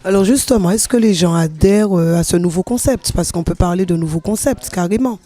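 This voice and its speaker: An interviewer puts short, prompting questions to guests one after another. The voice is dark and mellow. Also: mid-range voice, a little fast.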